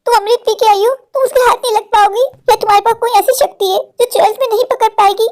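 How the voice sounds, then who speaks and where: A woman's voice: extremely high pitch, steady tone, fast, darkish tone. A woman voicing a stubborn modern college girl in a cartoon, pleading and arguing with her mother. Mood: dismissive. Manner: pleading, argumentative, repeats "maa". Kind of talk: Hindi cartoon voice acting.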